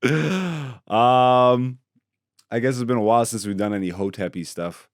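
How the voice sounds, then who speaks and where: This Greek podcast host goes it alone, joking, swearing and drifting casually from one topic to the next. He speaks unhurriedly in a mid-range voice, with clean studio sound and no room noise.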